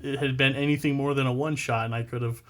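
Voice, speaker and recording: Male podcast host, casual chat, self-deprecating humor, quick to laugh. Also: medium pitch, steady tone.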